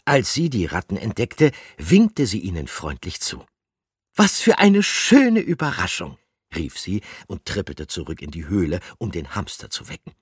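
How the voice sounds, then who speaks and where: A man reading a children's story aloud in a lively, animated way. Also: low voice, moderate pace, few pauses, husky, no echo, studio quality. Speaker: narrator.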